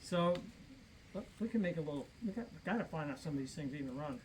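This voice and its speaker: A man with a thin, squeaky, reedy voice, explaining things casually and unscripted in a rambling, halting way as he thinks aloud. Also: expressive, husky. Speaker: vintage chainsaw hobbyist explaining features.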